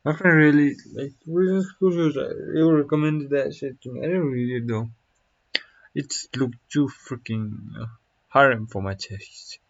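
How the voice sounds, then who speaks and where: A man's voice: medium pitch, a little slow. Rambling young man on a dull mic. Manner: rambling, slangy, lots of fillers. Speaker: streamer reacting to a video. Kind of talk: casual reaction chat.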